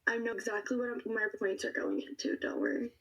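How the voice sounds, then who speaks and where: A woman playing in a tabletop game, talking quickly and eagerly in casual chat. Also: on the high side, vocal fry, a bit bright, breathy edge, poor audio. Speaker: player.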